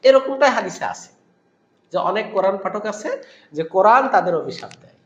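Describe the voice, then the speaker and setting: Bright-voiced man teaching Quran recitation. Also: high-pitched, expressive, fairly quick, reverberant, highs cut off. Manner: explains by demonstrating sounds, asks and answers his own questions. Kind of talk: lesson on Arabic letter pronunciation.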